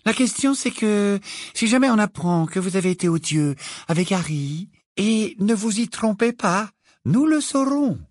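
Man voicing a calm gentle wizard, kind, quietly firm, dry close sound. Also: sits high, takes it slowly, few pauses, no room sound, voice pushed up.

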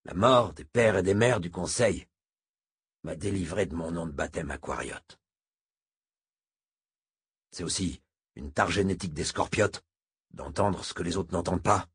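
Man doing an old masked mutant scout, audiobook, deep voice, very husky, quiet clipped lines. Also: unhurried, long pauses, full character voice. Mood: low, terse.

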